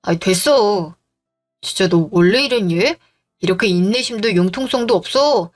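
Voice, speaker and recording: A woman's voice: mid-range voice, expressive, moderate pace, soft background music, lightly acted. A woman voicing an irritated young husband who defends himself.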